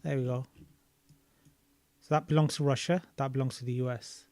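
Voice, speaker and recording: A man casually reading a book aloud and commenting on it, thinking out loud as he looks things up. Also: mid-range voice, steady tone, moderate pace, dry recording. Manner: thinking aloud while searching maps and videos, loose and chatty.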